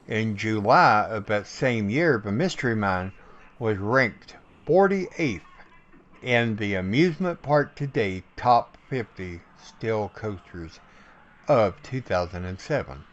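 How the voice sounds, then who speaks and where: A man's voice: fairly low pitch, animated, takes it slowly, lo-fi sound. A man narrating a scripted promotional video as its host.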